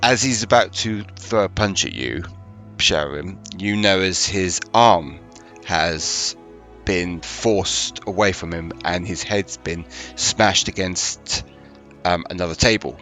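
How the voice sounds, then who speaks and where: A man with a Northern English accent narrating a tabletop game as dungeon master, halting, with many fillers and restarts. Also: sits low, bright, forceful tone, soft background music.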